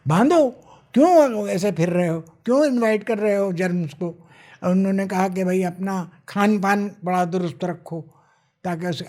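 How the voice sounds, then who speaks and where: A man in his nineties, a retired official and writer, speaks slowly and reflectively in an interview, with Urdu-flavored phrasing. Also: high-pitched, darkish tone. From India. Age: 90s. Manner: slow, measured speech with Urdu phrasing, recites verse.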